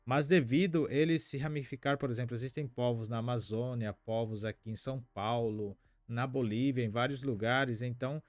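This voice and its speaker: A Paraguayan man, a native Spanish speaker, chattily teaches a Guarani lesson on a live stream, reading viewer comments aloud and thinking out loud with many fillers. His mid-range voice is steady, at a moderate pace with few pauses, and there is no echo.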